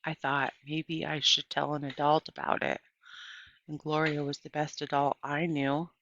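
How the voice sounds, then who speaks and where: Slow, creaky-voiced woman reading a story. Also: low voice, level tone, a bit bright, dull audio, slight background noise. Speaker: audiobook reader. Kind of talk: scripted storybook narration, first person.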